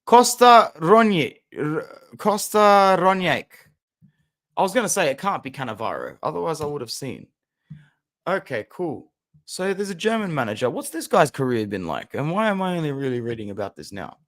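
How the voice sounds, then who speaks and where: Excitable young man on stream. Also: fairly high pitch, moderate pace. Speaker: football fan channel host. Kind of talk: casual live-stream commentary.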